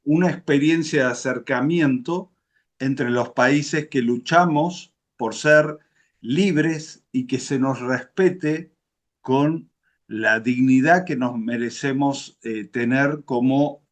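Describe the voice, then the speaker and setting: An Argentine man hosting a political video, giving patriotic commentary to viewers in solemn, emphatic oratory with short deliberate phrases. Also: medium pitch. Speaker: political interview video host.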